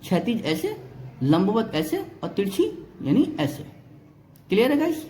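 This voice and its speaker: Lively teacher in an echoey room. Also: male voice, high voice, a little slow, slight background noise. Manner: step-by-step explaining, often checking if students follow; counts items aloud one by one. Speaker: reasoning teacher. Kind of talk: exam-prep lesson.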